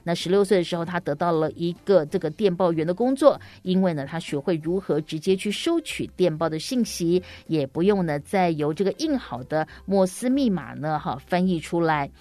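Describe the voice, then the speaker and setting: Female children's storyteller, lowish pitch, teacherly and explanatory, talking directly to little kids. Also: lively intonation, mellow. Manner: teacherly, addressing little listeners, frequent drawn-out sentence particles.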